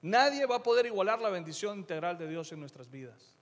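A middle-aged man preaching a sermon as pastor, emphatic, moving between quiet asides and loud declarations. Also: high voice, animated, a little fast, in a large hall.

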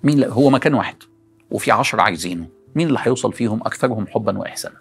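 Fast, gravelly Egyptian male preacher. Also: lowish voice, soft background music. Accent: Egyptian Arabic. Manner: animated, rhetorical questions to the audience. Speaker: preacher addressing young people. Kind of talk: motivational religious talk.

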